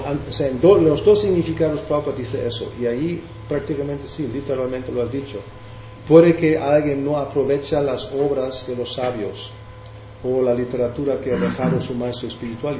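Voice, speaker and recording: Here a male spiritual teacher, medium-pitched, hesitantly works through verses with many restarts in a devotional class that takes questions. The recording is roomy and dull, with slight background noise.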